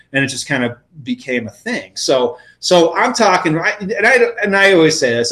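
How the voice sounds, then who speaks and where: A man's voice: medium pitch, fairly bright tone. A man co-hosting a podcast, telling rambling stories in casual banter and swearing freely. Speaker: podcast co-host.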